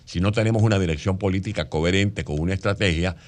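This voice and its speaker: A man with a low, deep voice gives long explanatory answers. He speaks as a guest in a radio interview. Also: fast. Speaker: guest author.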